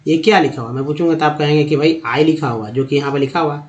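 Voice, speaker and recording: A man teaching a lesson over slides, asking his own questions and answering them, and repeating words slowly to show how they sound. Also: on the high side, a little mellow, lo-fi sound.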